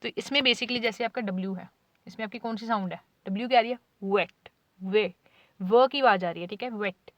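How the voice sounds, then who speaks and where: A woman teacher with a somewhat high voice, recorded close and dry with no room sound. She explains patiently, says "okay" again and again, and sounds out each example word slowly for her students. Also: a bit bright, no room sound. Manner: explains patiently, repeats "ठीक है" often, sounds out example words. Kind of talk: whiteboard lecture in Hindi with English terms.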